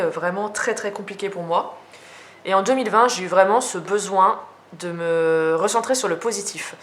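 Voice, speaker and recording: A woman's voice: medium pitch, fairly bright tone. A young French woman chatting casually as she shows her journals, talking with many fillers and restarts. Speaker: journaling vlogger. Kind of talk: casual show-and-tell.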